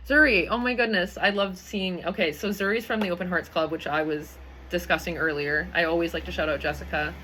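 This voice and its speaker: A woman's voice: fairly low pitch, steady tone, brisk, pushed and bright, slight background noise. A young adult woman hosting a live stream to her community, talking casually, bubbly and rambling, with frequent laughs and fillers.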